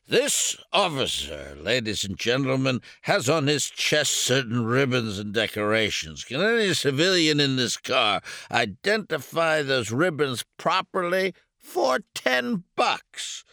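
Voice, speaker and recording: A man voicing a drunken, boisterous army major who speaks loudly and draws out his words with grand flourish. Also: mid-range voice, sing-song, no echo, clean studio sound, pitched above the performer's own voice, full character voice. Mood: blustering. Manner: loud, blustering, grandly drawn-out.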